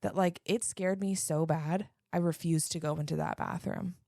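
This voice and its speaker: Gravelly woman telling a story. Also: low voice, steady tone, moderate pace, darkish tone, no echo, clean studio sound. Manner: storytelling, swearing, self-mocking. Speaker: podcast co-host. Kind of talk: casual chat.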